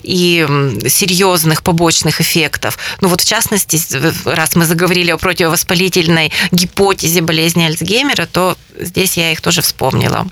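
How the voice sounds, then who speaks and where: A woman's voice: on the low side, steady tone, a little fast, hardly any pauses, a bit bright. A woman guest in a radio studio, explaining medical matters as a specialist and often stopping to rephrase.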